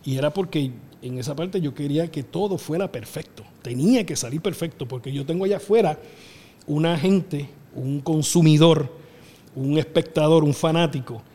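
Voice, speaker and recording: A middle-aged man with a Puerto Rican accent, telling lively stories as a wrestling booker in an interview, acting out voices and laughing often. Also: a little high, moderate pace. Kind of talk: animated storytelling interview. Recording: long reverb in the room.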